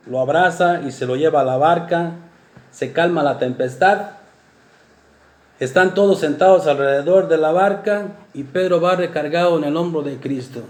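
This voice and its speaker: A man preaching a sermon, swinging between loud exclamations and soft low asides. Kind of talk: sermon talk. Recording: echoey room.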